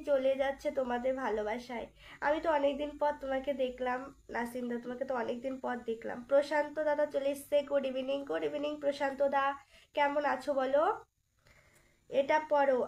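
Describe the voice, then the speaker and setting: Chatty high-voiced woman live streamer. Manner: chatty, teasing, greets viewers by name. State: sore throat, voice changed by illness. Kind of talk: casual live-stream chat greeting viewers.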